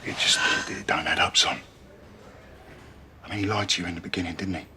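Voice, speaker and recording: A man's voice: sits low, fairly even intonation, a little fast, sharp tone, a little hiss or hum. An actor playing a blunt, matter-of-fact police officer who speaks to a suspect like a father.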